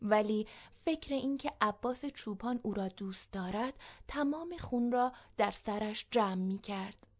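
A woman narrating a written story in a measured, even storytelling manner. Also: medium pitch.

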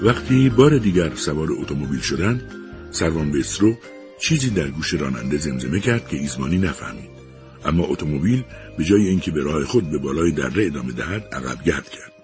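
A man narrating a story in a measured, expressive reading. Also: rumbling low, music in the background.

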